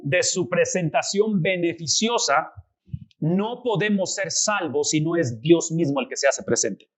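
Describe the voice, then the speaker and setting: In poor audio, a man with a slightly high voice teaches a Bible lesson. He sounds energetic and animated, repeatedly posing rhetorical questions to the class the way a teacher guides students through a passage.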